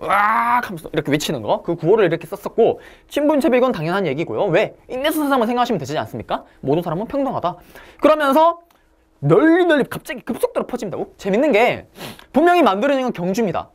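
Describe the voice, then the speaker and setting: A woman's voice: on the high side, big pitch swings, fast, a little mellow. A woman giving an exam-prep history lecture, asking the class questions and answering them herself.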